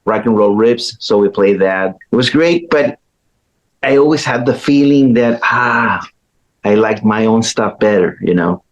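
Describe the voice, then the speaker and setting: Man, middle-aged, guest guitarist, easygoing storytelling, pauses and restarts. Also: on the low side, lively intonation, muffled recording. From Chile. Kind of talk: casual interview talk.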